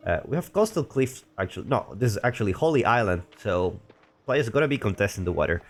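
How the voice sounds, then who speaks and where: A man casts a strategy game match casually, his lowish voice deeper than usual because he is a little sick. He talks fast with big pitch swings, rambling and chatty with frequent restarts and asides, while faint music plays behind.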